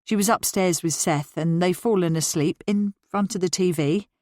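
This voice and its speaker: Woman doing a calm polite dad, slow, lots of ums, low dry voice. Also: dry recording, natural voice. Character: calm middle-aged father, polite and apologetic.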